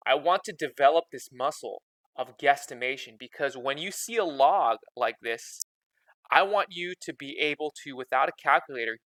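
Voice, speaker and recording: Bright, dry-voiced man teaching math. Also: on the high side, no echo. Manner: repeats "okay?" constantly, chatty and informal. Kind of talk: casual explanatory lesson.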